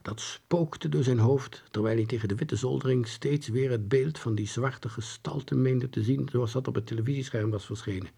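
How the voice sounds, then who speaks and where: A man reading a children's book aloud in a lively storytelling manner. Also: normal speed, creaky, few pauses, breathy edge. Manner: lively storytelling with varied pitch. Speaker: audiobook reader. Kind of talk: scripted narration of a children's book.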